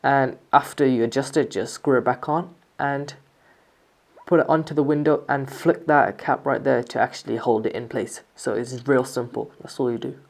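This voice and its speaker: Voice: mid-range voice, fairly even intonation, normal speed, creaky, a little mellow. A person giving a casual, explanatory product review, talking through features step by step in an informal way. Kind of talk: casual scripted-sounding product review narration.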